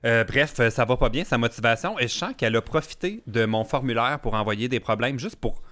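A man with a Quebec French accent hosting a casual podcast chat, playful and quick to laugh. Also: medium pitch, fairly bright tone. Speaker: podcast host.

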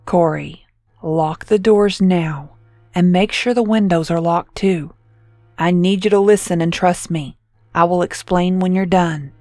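A woman reading a horror story, voicing a teenage best friend who speaks with steady, grave authority. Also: mid-range voice, unhurried, no room sound, faint music behind, natural voice. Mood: urgent. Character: serious teenage girl, calm best friend.

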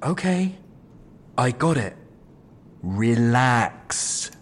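A man's voice: mid-range voice, sing-song, extremely slow, a little hiss or hum. An actor with a British accent playing a lazy, sarcastic male captive, dismissive and drawling. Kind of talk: audio drama acting.

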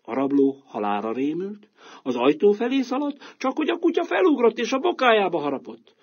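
A man reads a children's fairy tale aloud with lively, expressive delivery. His husky voice rides a very wide melodic range, a little above the usual male pitch. The recording is dull and lo-fi. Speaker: storyteller. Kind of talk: children's storybook narration.

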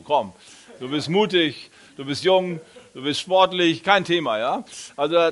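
Lively German preacher man telling stories. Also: on the high side. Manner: lively storytelling, addresses congregation directly, acts out quoted voices. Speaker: pastor. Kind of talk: sermon.

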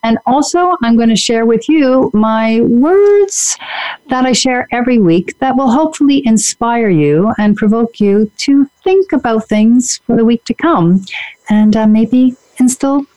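A woman's voice: a little high, animated, a little slow, mellow, low-quality recording. A woman hosting a conversational radio talk show as a relationship coach.

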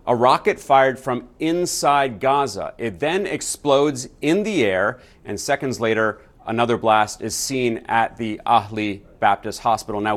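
A man files a news report as a correspondent. He explains each point in a measured, clear way. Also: medium pitch.

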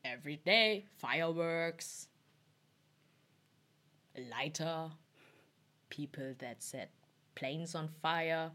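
A young woman in casual chat, loud and playful, often exclaiming and laughing. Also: low-pitched, slow, pauses often.

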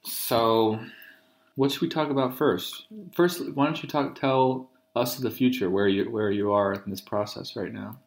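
Sitting at the kitchen table over a meal, a thirty-year-old podcast host interviews his partner in a casual, joking, teasing way. He speaks at a normal speed with a medium pitch and fairly even intonation. The recording sounds roomy and echoey, as home recordings do.

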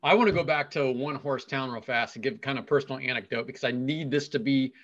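A man's voice: medium pitch, fast, fairly bright tone. A man co-hosting a podcast in casual chat, eager and joking with his guest. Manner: enthusiastic, joking. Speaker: podcast co-host. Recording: dull lo-fi podcast audio.

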